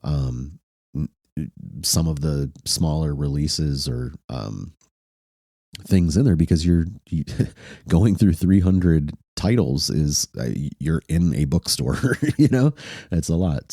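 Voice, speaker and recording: A man's voice: very deep voice, slow pace, mellow, dry recording, clean studio sound. A man with a congested, stuffy-nosed voice who sounds sick, hosting a casual chat in a hesitant, loosely conversational way. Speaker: podcast host. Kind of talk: casual online group chat.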